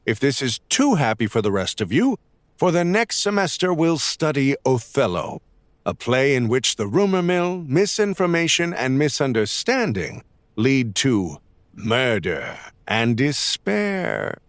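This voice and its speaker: A man's voice: medium pitch, big pitch swings, dry recording, clean studio sound. A man voicing an eccentric English teacher who lectures with a dramatic classroom flair. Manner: slow, dramatic classroom delivery.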